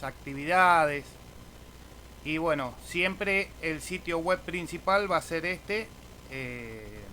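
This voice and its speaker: Here an amateur radio operator who hosts videos explains things informally in a screen tutorial, speaking with an Argentine Spanish accent. His slightly high voice sounds pushed and bright, and he hesitates while adding little checking tags. It's a low-quality recording with some hiss or hum.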